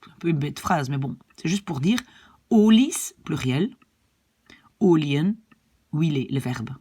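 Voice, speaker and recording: A woman's voice: low-pitched, normal speed, warm tone, slightly rough. A woman teaching a language lesson, explaining patiently and checking in with "d'accord?".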